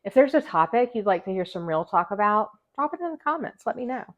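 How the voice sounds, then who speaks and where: Expressive and fast-talking, the vlog host's medium-pitched voice comes through on dull audio. Wearing a retainer that gives her a slight lisp, this musician and music teacher delivers scripted, emphatic encouragement to fellow musicians straight to camera.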